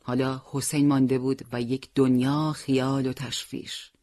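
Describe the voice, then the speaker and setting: A narrator reading a war story aloud in a steady, measured way. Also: medium pitch, very noisy.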